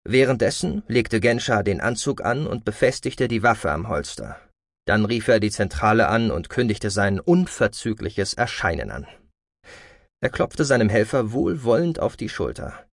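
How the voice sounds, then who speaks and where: A man reading a science fiction audiobook as narrator, expressive and voicing every character. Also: fairly low pitch, normal speed, dry recording, studio quality. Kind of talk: scripted narration.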